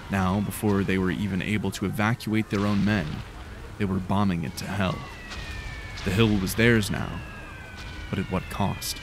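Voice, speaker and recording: Guy narrating a dark fantasy audiobook, lowish voice, slow and grave.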